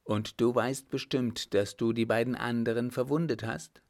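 A man voicing a calm, watchful gentleman posing as a doctor. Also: medium pitch, normal speed, close to an everyday voice.

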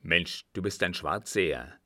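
A man reading an audiobook voices a gruff old field marshal who bursts out loudly with blunt oaths. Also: deep voice, a little slow, no room sound, studio quality, pitched below the performer's own voice, exaggerated voice. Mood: gruffly tender. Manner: loud blunt outbursts and oaths.

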